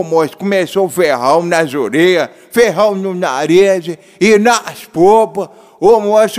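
Man doing a folksy old backcountry cowboy, high voice. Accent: rural Minas Gerais Portuguese. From northern Minas Gerais, Brazil. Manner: folksy drawling, lively pitch swings. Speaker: storyteller. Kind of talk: comic rural tall tale.

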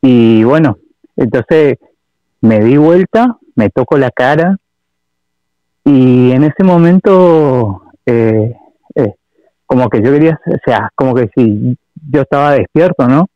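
A man's voice: medium pitch, animated, dry recording. A man with an Argentine Spanish accent calls in to recount a personal story, stopping often and repeating himself. His voice comes over a dull, muffled phone line with no room sound. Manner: halting, full of fillers and repeats. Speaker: caller. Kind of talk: telling a personal story on a call-in show.

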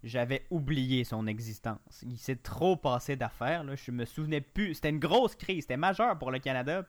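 A man's voice: medium pitch, lively intonation, moderate pace. A man with a Québécois accent hosting a morning podcast, asking his guest questions in a chatty, joking way. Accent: Québécois French. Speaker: podcast host. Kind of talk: casual radio panel discussion.

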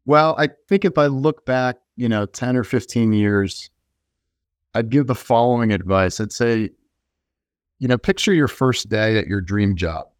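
A man's voice: medium pitch, measured pace, no room sound, clean studio sound. A man speaking as an interview guest, giving conversational answers in a reflective, explanatory way. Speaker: interview guest, venture investor.

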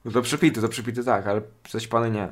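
A man's voice: mid-range voice, steady tone, fast talker. A man co-hosting a casual podcast, joking around, swearing freely and pleading for subscribers. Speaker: podcast co-host and channel owner.

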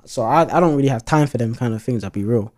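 A man's voice: mid-range voice, fast, a little mellow. A man in casual podcast chat, laid-back and heavy on slang fillers.

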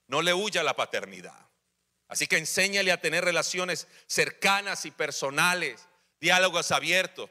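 A pastor in his forties preaches a sermon in a church, his high-pitched voice sharp in tone. He humorously acts out little family dialogues, with church hall reverb on the recording.

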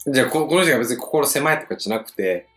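A man in his thirties chats casually on a podcast, his voice leaping around with lively, teasing energy. He jumps high when he protests. The room is echoey and a little faint music sits behind him. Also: rapid-fire. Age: 30s. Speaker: podcast co-host. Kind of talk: casual chat.

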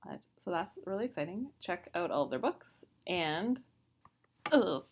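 A woman's voice: lowish voice, very animated, moderate pace, husky. A woman co-hosting a book podcast in casual chat, laughing often and trailing off mid-sentence. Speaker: podcast co-host; writer.

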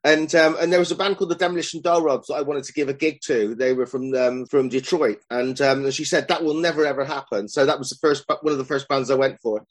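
A man's voice: mid-range voice, fast, hardly any pauses. Chatty man in his fifties. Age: 50s. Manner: rambling, chatty, self-deprecating. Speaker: guest, club promoter and songwriter. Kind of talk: casual chat.

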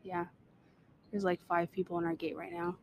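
A woman's voice: lowish voice, flat delivery, a crowd in the background. A woman co-hosting a casual podcast, swearing bluntly while talking through a mask at an airport gate. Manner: profane, blunt, quick to anger. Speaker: podcast co-host. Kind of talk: casual chat. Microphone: wearing a mask, mic muffled.

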